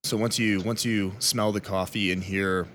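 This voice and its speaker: A man's voice: low-pitched, fairly even intonation, normal speed, a bit bright, slight background noise. A man chatting casually as a podcast co-host, teasing and self-deprecating.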